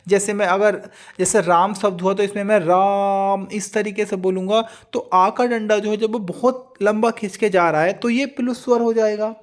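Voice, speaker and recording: A man's voice: high-pitched, a little mellow. A man teaching an exam-prep grammar lecture, patiently repeating each point and often addressing his students directly.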